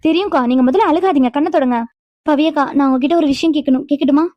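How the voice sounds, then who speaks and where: Woman voicing a caring, quick-talking cartoon heroine. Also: high-pitched, dry recording, highs cut off, lightly acted. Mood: reassuring. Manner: reassuring, curious, lively. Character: young woman, caring, reassuring younger sister. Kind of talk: animated cartoon dialogue.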